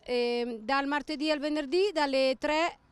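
A woman who runs a piadina shop, briskly listing her menu for an interviewer. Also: high voice, steady tone. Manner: brisk, lists items one after another.

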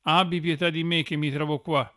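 A man's voice: fairly high pitch, steady tone, moderate pace, sharp tone, no room sound, clean studio sound. A man voicing a despairing old sinful woman who laments and pleads, read as an audiobook. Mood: humble pleading. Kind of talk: audiobook reading.

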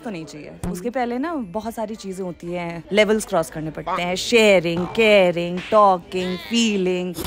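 A woman's voice: lowish voice, normal speed, hardly any pauses, faint music behind. A young woman in an office interview, stating confidently what she does and doesn't want. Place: open-plan office.

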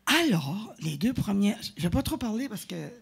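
Gravelly husky Acadian woman on stage. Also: medium pitch, big pitch swings, normal speed. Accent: Acadian French. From Acadia, eastern Canada. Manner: chatty, warm-hearted, rambling with fillers and self-corrections. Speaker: singer presenting her album. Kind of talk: casual stage banter with a live audience. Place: concert venue stage.

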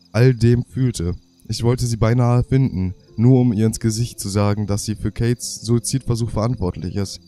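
Congested from a cold, this young man stumbles through game diary entries for his let's play, going back to fix his mistakes. He speaks in a fairly low, mellow voice through a half-blocked nose.

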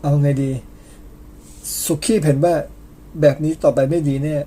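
Mellow-voiced man telling a story casually. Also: a little high, fairly even intonation, fairly quick. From Thailand. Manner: chatty, tags sentences with polite particles, personal asides.

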